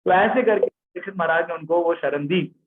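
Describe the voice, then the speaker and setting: A man narrating a devotional story in a live sermon, lively and often checking in with his listeners. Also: high-pitched, brisk. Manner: lively, checks in with listeners, reads out chat names. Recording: tinny phone-like sound.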